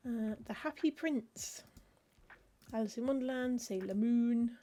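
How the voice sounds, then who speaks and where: Playing a cozy game, a woman murmurs her way through lists of book titles, reading the text aloud and adding wry asides in casual commentary. Her voice is fairly high, mellow, and unhurried.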